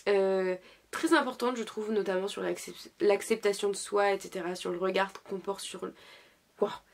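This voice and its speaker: A young woman talks casually to her viewers while sick, pausing often to search for words. Her voice sits at an ordinary pitch but carries a gravelly, creaky fry. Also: fairly even intonation. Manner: hesitant, many fillers and restarts. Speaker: YouTuber reviewing dramas. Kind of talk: casual chat.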